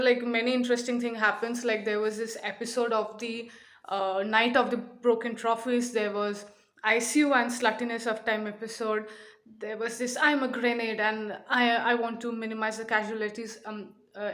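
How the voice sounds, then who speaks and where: A woman's voice: a little high, a bit bright. A young woman chatting enthusiastically about a favourite book in a casual vlog, with frequent fillers. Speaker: book vlogger.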